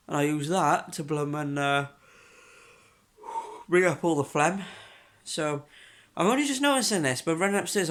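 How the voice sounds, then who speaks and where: Fairly high-pitched and gravelly but bright, a young man's voice sounds congested as he coughs through a sore throat. He rambles chattily in a casual video diary at home, often using fillers and restarting sentences.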